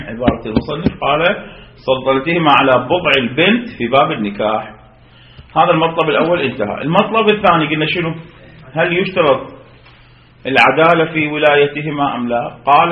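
Iraqi male lecturer, rapid delivery, self-answered questions, dull roomy lo-fi recording. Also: on the high side. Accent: Iraqi Arabic. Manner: poses rhetorical questions and answers them himself. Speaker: religious law teacher. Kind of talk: seminary lecture.

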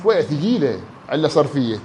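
A man with an Iraqi accent teaching an Arabic grammar class. He quizzes his students and drags words out slowly to show how they sound. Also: fairly high pitch, very animated, warm tone, a little hiss or hum. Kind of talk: classroom lesson.

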